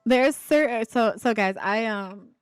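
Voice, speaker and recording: A woman from Ohio with a slight Appalachian accent and a slight speech impediment, chatting casually with viewers while she builds, playful and quick to laugh. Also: fairly high pitch, clear, resonant tone, no room sound, clean studio sound, soft background music. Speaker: streamer. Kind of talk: casual live-stream chat while building.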